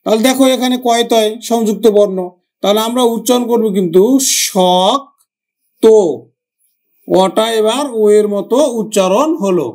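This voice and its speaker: A man with a Bangladeshi Bengali accent teaching a grammar lesson for exam preparation, slowly repeating words and their pronunciations. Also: high-pitched, a little mellow. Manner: slow, drawn-out repetition of words.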